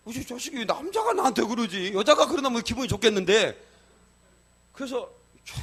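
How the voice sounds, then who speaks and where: A middle-aged male pastor preaching a sermon in a church, telling personal stories in a lively colloquial way, swinging from loud exclamations to soft asides and often checking in with the congregation. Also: on the high side. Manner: colloquial, addresses congregation with repeated "예?". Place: church sanctuary.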